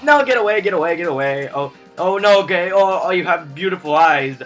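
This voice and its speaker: Frantic high-pitched young gaming YouTuber man. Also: expressive, brisk, soft background music. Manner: frantic, yelps and shouts in panic. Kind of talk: let's play commentary.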